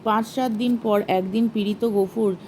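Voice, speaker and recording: A woman storyteller reading a literary short story aloud in a measured, expressive way. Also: mid-range voice, slight background noise, rough recording.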